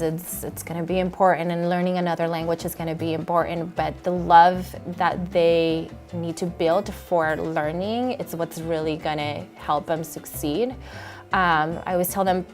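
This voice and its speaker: A woman from Puerto Rico, a high school Spanish teacher, speaking earnestly in an interview with frequent pauses and fillers. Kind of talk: interview talking about teaching. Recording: music playing underneath.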